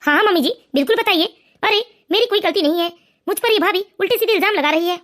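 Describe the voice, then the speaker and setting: A woman's voice: extremely high pitch, fast, a bit bright. A woman voicing a smug, mocking young son-in-law in a cartoon family story. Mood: sneering.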